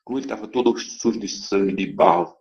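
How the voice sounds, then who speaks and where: A man's voice: sits low, fast talker. A man giving a testimony to a congregation, telling a story in a dramatic, emphatic way. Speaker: church member giving testimony. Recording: dull lo-fi recording.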